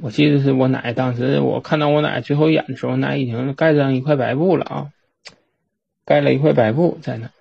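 A man with a Northeastern Mandarin accent, recalling a family memory in a halting, repetitive way with frequent restarts. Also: medium pitch, fairly even intonation, gravelly, husky. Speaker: storyteller. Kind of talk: personal reminiscence monologue. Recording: dull lo-fi recording.

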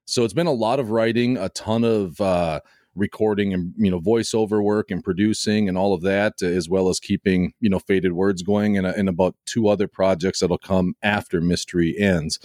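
The podcast guest's voice is low, a bit rough and mellow, with fairly even intonation at a normal speed. He meanders and hesitates through relaxed conversation, frequently restarting, recorded on a home mic that sounds close, dry and echo-free.

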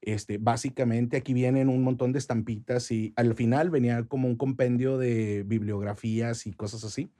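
A man's voice: medium pitch, fairly even intonation, moderate pace, hardly any pauses, dark tone. A Mexican man in his forties, a podcast guest telling anecdotes with frequent fillers and restarts. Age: 40s. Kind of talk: casual podcast interview.

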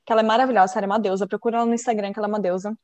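Talking rapid-fire in a mid-range voice, this woman co-hosts a podcast and keeps the chat casual. She calls herself a positive person and tells stories with energy, performing film scenes in voices along the way.

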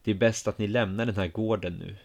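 A grave, curt farmer man who is the narrator's weary older brother, heard in a spoken storybook reading. His voice sits fairly low, as the storyteller puts him on, and he talks in short, serious lines. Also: fairly even intonation, gravelly, a little mellow. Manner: grave and curt, turning sad.

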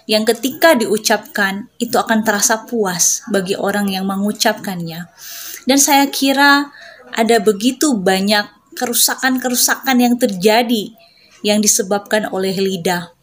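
A woman delivers a sermon at a measured, emphatic pace. She keeps turning to her listeners as brothers and sisters, her voice pitched in a middle range. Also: fairly bright tone. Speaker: preacher.

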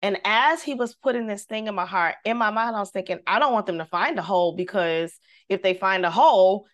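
A singer appearing as a guest shares a personal story in casual conversation, fairly quickly and at medium pitch. She is lively and devout, and she performs the voices of the people she quotes.

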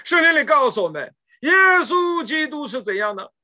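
A woman's voice: high voice, big pitch swings, normal speed, bright, forceful tone, dull audio. A woman preaching a sermon, retelling scripture stories with emphatic rhetorical questions.

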